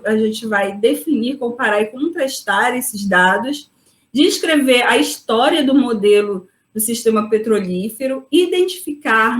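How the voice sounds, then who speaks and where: A woman's voice: high-pitched, reverberant. A woman geologist giving a webinar lecture, explaining step by step and checking in with tag questions. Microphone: video call.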